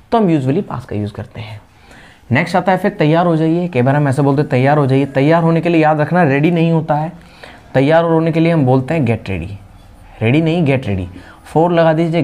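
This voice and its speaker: A man with an Indian accent teaching spoken English, explaining patiently and repeating example phrases slowly. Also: on the high side, darkish tone.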